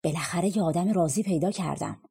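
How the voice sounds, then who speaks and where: A woman voicing an anxious old king in a spoken storybook, earnest and pleading, with a slightly husky, lowish voice. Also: mellow, full character voice. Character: anxious old king seeking a content man.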